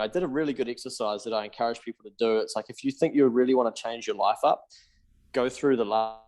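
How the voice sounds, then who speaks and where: A man's voice: mid-range voice, darkish tone. A man in his thirties with a New Zealand accent, a podcast guest telling his story candidly, swearing casually and acting out past conversations. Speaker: podcast guest, accountant and business founder.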